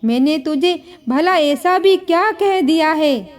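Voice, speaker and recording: A woman voicing a gentle, sad elderly mother-in-law who pleads softly in a storybook tale. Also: extremely high pitch, slow pace. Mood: sad, pleading. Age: older. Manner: soft, pleading, sorrowful.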